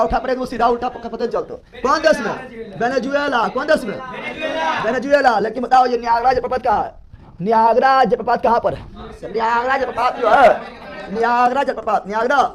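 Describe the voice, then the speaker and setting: High-pitched teacher drilling a class. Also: male voice. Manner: drills questions repeatedly, teasing and scolding students. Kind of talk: classroom lecture with call-and-response drilling. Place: classroom full of students. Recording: noisy classroom with student chorus. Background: students answering in chorus.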